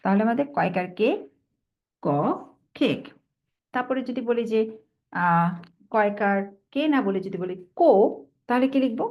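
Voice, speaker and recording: A woman teaching a phonics lesson, speaking Bengali and slipping into English words. She models each sound slowly and repeats it. Her delivery is patient, and she often pauses to check that the students follow. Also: mid-range voice, muffled recording.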